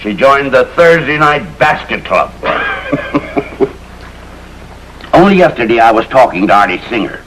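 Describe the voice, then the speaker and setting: An actor playing an excitable middle-aged neighbor husband in a 1950s sitcom, blustering and loud. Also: male voice, medium pitch, a little slow, long pauses, low-quality recording. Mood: grumbling. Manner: blustering, shouting in alarm. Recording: old TV soundtrack with faint hiss.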